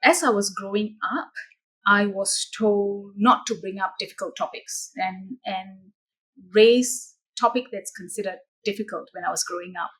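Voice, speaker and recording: Lady coach, husky breathy voice, thoughtful steady telling of her story. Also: mid-range voice, rough recording. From Malaysia. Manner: earnest, measured storytelling with some restarts. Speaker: guest, coach. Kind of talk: reflective interview answers.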